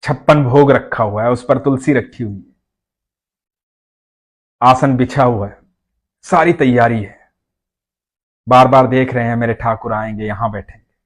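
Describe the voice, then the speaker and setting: A man narrating a devotional story in a gentle, unhurried, soft-spoken way. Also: medium pitch, fairly even intonation.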